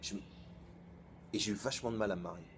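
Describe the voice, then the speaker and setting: Talking fast in a fairly low voice, a thirtysomething rabbi delivers a casual storytelling sermon. He keeps it animated and conversational, voicing both people in the dialogues he relates. A bit of hiss or hum sits under the audio.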